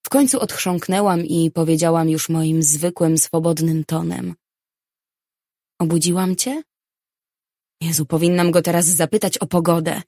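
A woman narrating a novel in the first person, reading in a measured, even way. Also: low-pitched, no echo, studio quality. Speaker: audiobook narrator.

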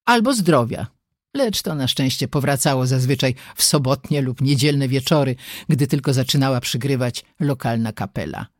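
An audiobook narrator reading a novel in a dramatic, expressive way, with pitch that swings widely across phrases. The recording is dry and close, with no trace of a room. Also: moderate pace, no room sound. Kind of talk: scripted narration.

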